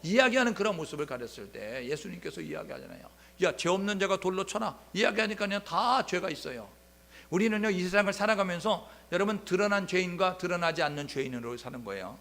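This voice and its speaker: Speaking fast in a high-pitched voice, a male pastor delivers a sermon full of lively Bible stories, playing out the scenes through dialogue. Along the way he throws rhetorical questions at the congregation.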